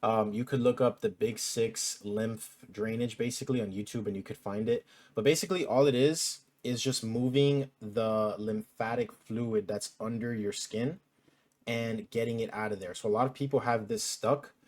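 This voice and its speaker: A man's voice: medium pitch, normal speed, darkish tone. A man in his twenties talking in a casual, chatty vlog, full of fillers like "like" and "um". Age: 20s. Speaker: vlogger.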